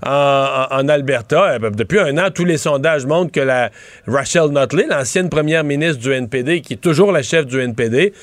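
A middle-aged political commentator with a Québécois French accent offers rambling political analysis in a casual chat, frequently restarting his sentences. His voice is medium-pitched and at normal speed, with no echo.

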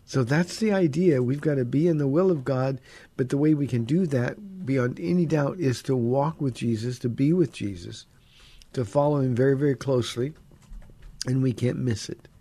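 Speaking at normal speed from a radio studio, a pastor hosting a call-in show offers Bible teaching in an easygoing, conversational manner with frequent fillers. His voice is lower than usual because he's feeling under the weather.

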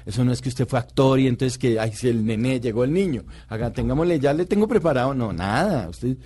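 Male guest, relaxed storyteller, mid-pitched voice, joking radio chat. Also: brisk, a little hiss or hum. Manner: laid-back, joking storyteller. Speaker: guest actor.

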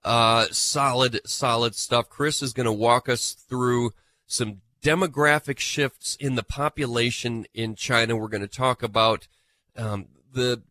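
Guy hosting farm radio with a stuffed-up nose, joking about himself, bright voice. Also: medium pitch, a little slow. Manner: chatty, self-mocking. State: nasal from a cold. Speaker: fill-in radio host. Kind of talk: live farm radio show.

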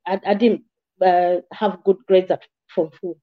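A woman from Malawi, a guest in an interview, telling her life story in a measured, plain way with small restarts. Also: lowish voice, fairly even intonation. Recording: slightly dull, muffled audio.

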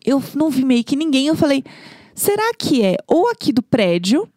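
A woman, co-hosting a casual chat podcast and telling a story in an animated, dramatic way. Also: sits high, normal speed, no echo, clean studio sound. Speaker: podcast co-host.

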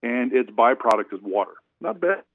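A man's voice: mid-range voice, very animated, normal speed, gravelly, dry recording. Brief: hesitant man on a dull phone line. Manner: rambling, with many hesitations. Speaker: financial advisor, regular guest. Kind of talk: casual radio chat. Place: cabin in the woods. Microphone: phone or internet call.

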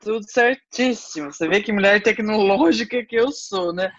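A woman's voice: medium pitch, moderate pace, no echo. A woman in her fifties with a Brazilian accent, a guest talking in a chatty, playful way over a call line. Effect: heard over a call line. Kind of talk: casual chat. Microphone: call from home. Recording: muffled call audio, faint music behind.

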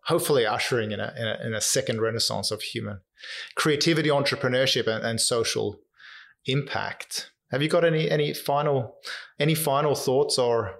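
A man with a Swedish Australian accent hosting an interview, enthusiastic and rambling, often repeating words as he goes. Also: medium pitch. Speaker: podcast host. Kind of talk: interview conversation.

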